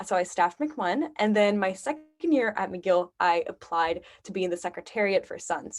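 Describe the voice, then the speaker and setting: A young woman from Lebanon, a university student, talking about campus life in an upbeat, chatty way over a video call. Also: medium pitch. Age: young adult. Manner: chatty and upbeat, many fillers. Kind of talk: casual talk on a video call.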